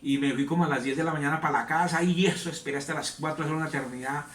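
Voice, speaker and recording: A pastor shares his testimony very fast in a slightly high, steady, somewhat bright voice, preaching in an earnest, rambling way full of repetitions. He is recorded on a distant mic in an echoey room.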